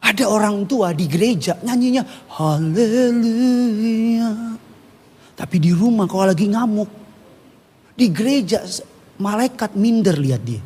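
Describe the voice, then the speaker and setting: A man preaching a sermon, animated and jokey, slipping into playful voices and regional slang. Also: sits high, breathy edge. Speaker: pastor. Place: church hall. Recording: long church reverb.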